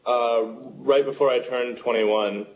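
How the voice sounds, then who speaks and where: A man's voice: medium pitch, measured pace, a little hiss or hum, rough recording. A man in his twenties, a poker player guest, answering casually with lots of fillers and restarts. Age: 20s. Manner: relaxed, rambling with many fillers and restarts.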